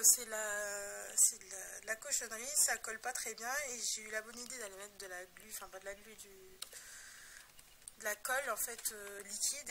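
A woman's voice: fairly high pitch, sharp tone, a little hiss or hum, low-quality recording. A young woman casually showing her scrapbook album, talking in a rambling, hesitant way with many fillers and self-deprecating asides. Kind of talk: casual show-and-tell narration.

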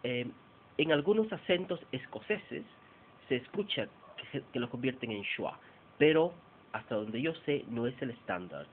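A man from Peru teaching English pronunciation in a bilingual lesson, slowly over-articulating and repeating example words. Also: medium pitch, expressive. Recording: tinny lo-fi phone-like sound with faint noise.

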